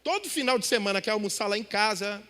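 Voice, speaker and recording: A middle-aged man preaches on a stage mic in a church hall, his voice unusually high and bright. The long reverb trails after each phrase. He keeps the congregation engaged with rhetorical questions. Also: lively intonation, fast. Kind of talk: sermon.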